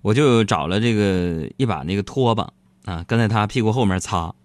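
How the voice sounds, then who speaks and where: A man hosting a radio show, joking through a playful, self-mocking monologue that sometimes stammers when he gets excited. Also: lowish voice, normal speed, no room sound. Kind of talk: comic monologue.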